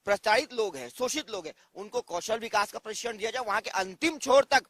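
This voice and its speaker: Male panelist, high and bright, insistent list-making arguer. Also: a little fast, no echo. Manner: insistent, listing demands, repeated "dekhiye". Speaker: debate panelist, opposition side. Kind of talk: TV news debate argument.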